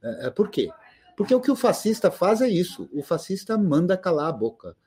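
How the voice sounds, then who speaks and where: Husky man speaking with passion. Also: high-pitched, big pitch swings, fairly quick, dark tone. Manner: emphatic and impassioned. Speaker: guest panelist. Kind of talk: casual live-stream discussion.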